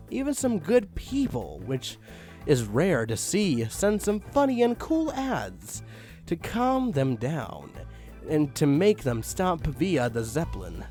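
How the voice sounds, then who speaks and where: This fan-fiction reader has a high, darkish voice. He works through a badly written story in an exasperated, mock-dramatic way, sighing heavily and then swinging into sudden outbursts.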